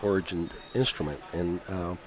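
A man's voice: low-pitched, moderate pace. A Cuban-born man in his fifties, a musician, chatting in a radio interview with frequent laughs and restarts. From Cuba. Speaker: musician guest.

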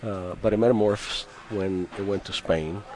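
Radio guest: deep-voiced Cuban-born musician in his fifties, relaxed and chatty. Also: normal speed. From Cuba. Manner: chatty, laughs often, many restarts. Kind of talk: radio interview.

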